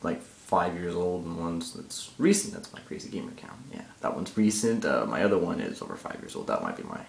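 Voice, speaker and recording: The hard echo of a small tiled bathroom rings around a teenage boy vlogging about gaming on a handheld iPod camera at arm's length. His somewhat low voice is gravelly, expressive, and fairly quick as he jokes, rambles, and drifts off topic.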